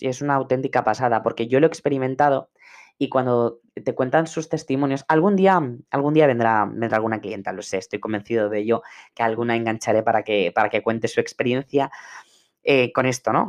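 A man's voice: mid-range voice, darkish tone. A young man, talking earnestly as a personal development coach in a podcast monologue, repeating key phrases for emphasis.

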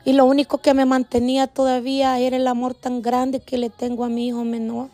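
A woman's voice: high voice, completely flat delivery, a little fast, dark tone, soft background music. A woman giving an emotional church testimony, earnestly addressing the congregation as brothers and sisters.

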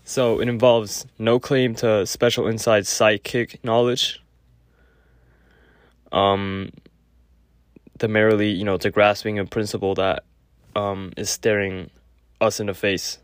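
A man giving a casual spoken lecture with a clogged nose, halting often with fillers and restarts. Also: lowish voice, level tone, dry recording, clean studio sound. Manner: halting, many fillers and self-corrections. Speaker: podcast host.

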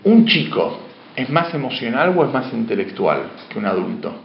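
A man lectures a class, posing questions and then answering them himself. His voice sits at an ordinary pitch. The recording is slightly muffled and echoey, with faint room noise behind him. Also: very animated, moderate pace, creaky. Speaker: teacher.

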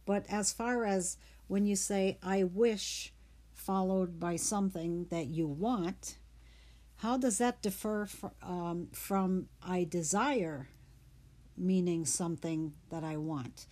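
A woman hosting a reflective talk on the meaning of words, speaking in an unhurried, thoughtful way with fillers. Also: on the low side, mellow.

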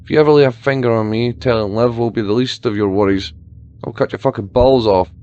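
A man's voice: on the low side, a little fast, darkish tone, dull audio, slight background noise, voice pushed down, natural voice. A man reading a story aloud and voicing a foul-mouthed, scornful, menacing young girl, in a growling, mocking way.

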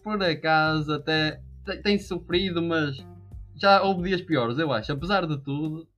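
A man's voice: on the high side, a little slow, fairly bright tone, faint music behind. A man giving casual football analysis as a panellist, emphatic and often repeating his phrases.

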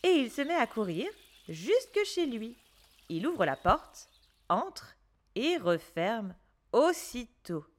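A woman reads a children's story aloud in a gentle, expressive manner. Her voice is high and unhurried, with a lively, wide-ranging lilt.

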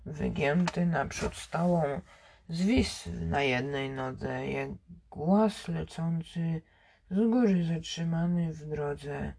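A slow, deliberate reading of epic verse. The voice is dark and mellow, and the reader often restarts a word mid-line before carrying on. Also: mid-range voice, creaky. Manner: slow recitation with frequent restarts. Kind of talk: reading epic poetry aloud.

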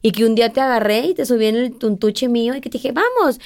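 Animated woman storyteller, high voice. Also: quick pace. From Mexico. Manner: animated storytelling, acts out quoted voices, laughs often. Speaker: guest, host's older sister. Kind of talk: casual chat.

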